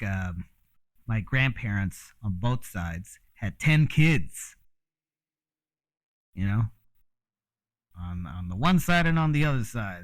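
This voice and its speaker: Man, grew up in Mexico, solo casual monologue, unhurried, animated pitch, frank and rambling. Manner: rambling, frank, with frequent fillers and swearing. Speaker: host.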